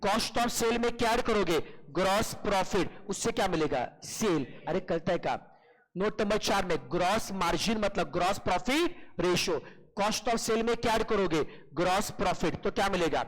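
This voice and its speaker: A male accountancy teacher with a high-pitched, fairly bright voice runs an online class on poor audio. He fires quick questions at his students, answers them himself, and calls them "beta."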